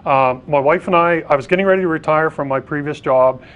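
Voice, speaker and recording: A man's voice: a little high, fairly quick, a bit bright, smooth, poor audio. A middle-aged man who owns a restaurant, talking as a guest on a TV cooking segment. He rambles, with many fillers and repeated words. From Pennsylvania. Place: studio kitchen set, indoors. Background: faint sizzling of frying food.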